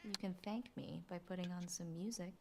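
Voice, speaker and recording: A woman's voice: lowish voice, steady tone, a little fast, vocal fry, slight background noise. A woman playing a teasing, affectionate young mother at home in a naturalistic video game scene. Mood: playful. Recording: game music behind the voice.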